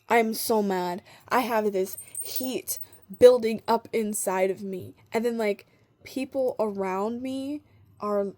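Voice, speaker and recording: A woman vlogger speaks to camera in loose, stream-of-consciousness chat, circling back on her own phrases and restarting sentences. Her pitch sits in an ordinary middle range. She swears casually and leans hard on repeated words for emphasis. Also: darkish tone. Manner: emphatic, repetitive, swears freely. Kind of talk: casual rambling monologue to the viewer.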